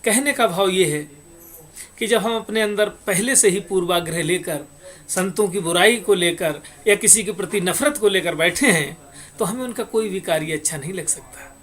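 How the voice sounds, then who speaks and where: A man's voice: high-pitched, moderate pace, fairly bright tone. A man telling a moral parable and explaining its lesson, speaking straight to his listeners. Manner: explains plainly and addresses listeners directly. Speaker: moral storyteller. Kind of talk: moral parable talk with sung verses.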